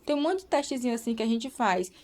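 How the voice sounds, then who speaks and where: A woman's voice: a little high, animated, quick pace, darkish tone. A young woman in casual live-stream chat, talking to viewers and checking in with tag questions.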